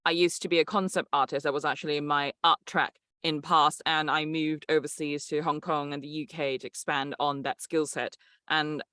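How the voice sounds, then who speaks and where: A man's voice: a little high, little pitch movement, moderate pace, pushed and bright, smooth, no echo, studio quality. A man, a game producer answering interview questions in an articulate, explanatory way. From Malaysia.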